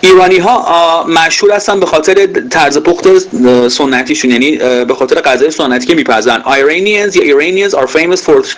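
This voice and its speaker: A man teaching English grammar in Persian, saying each English example sentence slowly with many filler pauses. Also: on the high side, low-quality recording. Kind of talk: recorded grammar lesson.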